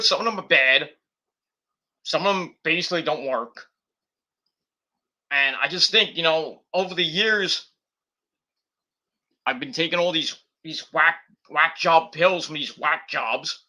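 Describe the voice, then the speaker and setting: A YouTuber in his forties rambles casually at his desktop computer at home, using lots of fillers and correcting himself mid-sentence. His voice is fairly high, pushed, and bright.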